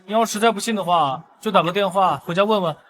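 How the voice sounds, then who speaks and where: An actor playing a calm, self-assured young heir who reassures his wife. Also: high voice, quick pace.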